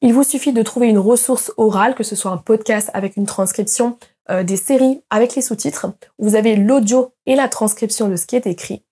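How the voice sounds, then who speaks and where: A young woman with a fairly high, slightly husky voice leads an online pronunciation lesson. She explains step by step in a patient, mellow tone, slowing right down to model each example word. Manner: patient explaining, slowly modeling English words. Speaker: English teacher.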